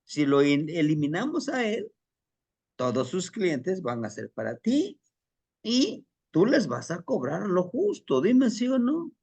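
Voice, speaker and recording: A man's voice: sits high, huge pitch swings, slow pace, gravelly, a little mellow, breathy edge, dry recording, voice pushed up, full character voice. A man voicing sly, scheming older male healers who coax a young man. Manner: coaxing, persuasive.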